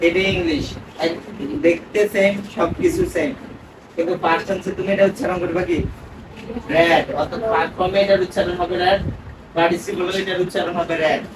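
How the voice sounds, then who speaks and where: A man's voice: sits high, fairly even intonation, fast talker. A man teaching a spoken grammar lesson, asking his student questions and repeating the answers. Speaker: English teacher. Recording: echoey room from far off, noisy.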